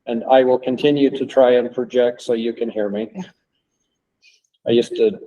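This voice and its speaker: A man running a committee meeting, leading it through agenda items and inviting comments from the room and online. His voice sits at an average pitch with a dark, mellow tone. He talks in a measured, procedural way. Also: steady tone, dull audio. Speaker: committee chair. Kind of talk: meeting chairing.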